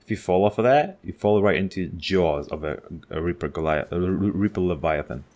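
A man with a notably low-pitched voice talks through a video game in a casual let's-play style. He is excitable and chatty, thinking out loud as he explores. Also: a little fast. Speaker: gaming channel host.

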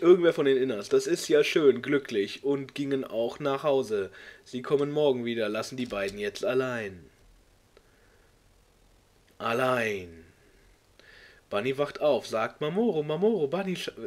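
A video host reads a clumsy fan story aloud in a comedic read-along, mocking it with exasperated jokes and sometimes squeaking into high voices for the characters.

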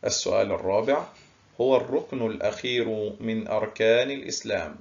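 A male primary school teacher giving a recorded lesson, stretching key words slowly and praising his pupils often. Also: lowish voice, vocal fry, lo-fi sound. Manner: slow, drawn-out word stress, praising pupils.

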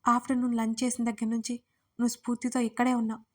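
A woman's voice: fairly high pitch, level tone, very fast, natural voice. A woman voicing a stern young man who scolds his friend, read aloud in a romance audiobook.

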